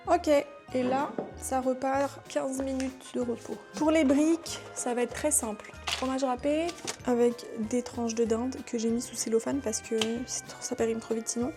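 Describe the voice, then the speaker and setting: A woman's voice: high-pitched, fairly even intonation, moderate pace, music in the background. Chatty young woman cooking. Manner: chatty, teasing, talks to herself. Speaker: vlogger. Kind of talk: casual cooking vlog chat. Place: home kitchen.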